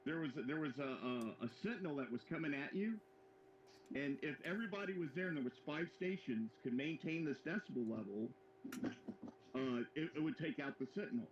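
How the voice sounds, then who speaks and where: A man's voice: a little high, animated, brisk. A man co-hosting a live hobby show, telling a long, rambling anecdote with many restarts. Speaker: co-host of a live modeling show. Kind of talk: casual chat, storytelling. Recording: roomy, dull sound with faint background noise.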